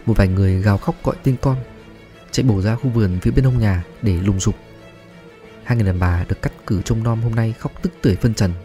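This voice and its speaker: A man reading a horror story aloud as narrator, in a measured, grave way. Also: lowish voice, warm tone. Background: faint music.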